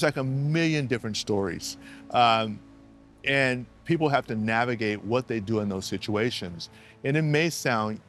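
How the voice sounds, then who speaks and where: At a law office, a man who works as an immigration attorney answers interview questions earnestly, explaining things and repeating key phrases for emphasis. His voice is lowish and fairly bright, with a little hiss or hum in the recording.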